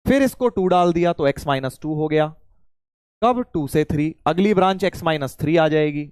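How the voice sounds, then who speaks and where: A man teaching maths in a live online class. He teases his students in a playful way and slows right down to spell out each step. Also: fairly high pitch, a little mellow, smooth, no echo, studio quality. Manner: playful, teasing, calls students "beta".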